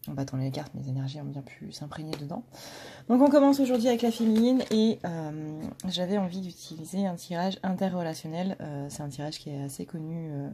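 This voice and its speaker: A woman's voice: low voice, warm tone, slight background noise. A woman with a blunt manner, talking casually with many fillers and restarts as she gives a tarot reading for her channel. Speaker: tarot reader.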